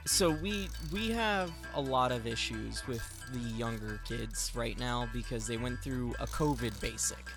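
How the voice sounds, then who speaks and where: A man chats casually on a podcast, spinning a story and acting out what each person said. Music plays clearly behind his voice. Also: medium pitch, a little slow, few pauses. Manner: animated storyteller, acts out quotes. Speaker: podcast host.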